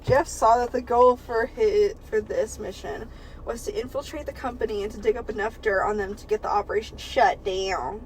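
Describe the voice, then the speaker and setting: Woman reading a book out loud on a podcast, keeps cracking up and cursing, highish voice. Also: fairly even intonation, normal speed, slight background noise, poor audio. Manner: giggly and profane, breaks into laughter while reading. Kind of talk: comedic read-aloud with banter.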